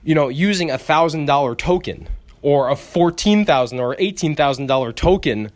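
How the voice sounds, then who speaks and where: A man's voice: a little high, expressive, normal speed. A young man hosting a podcast, talking casually on his own in a rambling, profane way with frequent restarts and stammers. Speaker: podcast host. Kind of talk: casual solo podcast monologue.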